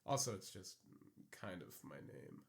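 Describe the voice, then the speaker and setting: With vocal fry in a low, animated voice, a young adult man co-hosting a podcast speaks unhurriedly into his mic. He rambles along, laughs a lot and keeps the jokes crude.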